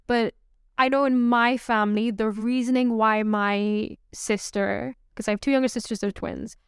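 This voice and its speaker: A woman's voice: on the high side, moderate pace, smooth, dry recording, studio quality. A woman raised outside Pakistan, whose first language was Urdu, co-hosting a podcast in casual, emphatic chat. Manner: animated, emphatic, repeats herself for stress. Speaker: podcast co-host.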